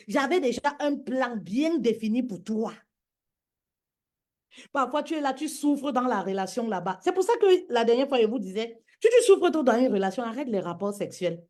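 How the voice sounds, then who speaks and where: A woman with a high-pitched, slightly mellow voice preaches emphatically to women on a social media live. She repeats her points and keeps addressing her listeners as "my queen."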